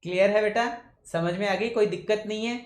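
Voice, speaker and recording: Pitched high and steady, a man coaching students for exams teaches English words, repeatedly stopping to check they've followed and addressing them as son. He deliberately eases off his usual quick pace, and the room is echoey.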